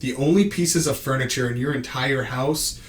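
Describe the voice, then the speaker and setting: A man's voice: medium pitch, moderate pace. A young man co-hosting a podcast in casual, rambling chat with lots of fillers. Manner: laid-back, rambling with many fillers. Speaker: podcast co-host. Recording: echoey room with faint noise.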